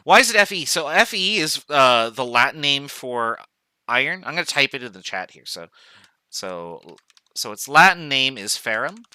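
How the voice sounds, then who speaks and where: A man lectures on chemistry in a loose, joking manner, thinking aloud and trailing into fillers. His voice is very bright and crisp at a middle pitch. The sound is dry and close, with no room echo. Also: big pitch swings, normal speed. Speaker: chemistry professor. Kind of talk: online lecture.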